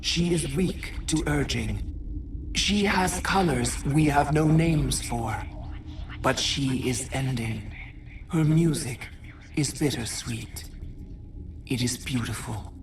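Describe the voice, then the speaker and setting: A woman voicing an ancient, mournful insect hive queen in a video game, speaking in halting, cryptic, solemn phrases through a host. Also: rumbling low, exaggerated voice. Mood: mournful, eerie. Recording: distant voice with clear noise.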